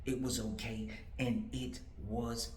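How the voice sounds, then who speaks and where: He's a male political candidate in his forties, giving commentary straight to camera with emphatic repetition and rhetorical questions. His mid-range voice is slow, a little mellow, and barely moves in pitch, set against slight background noise and a roomy echo.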